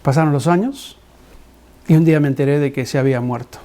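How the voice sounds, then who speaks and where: A man preaching a sermon, a pastor who tells a personal story with lively acted-out dialogue and frequent restarts. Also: fairly high pitch, fast talker.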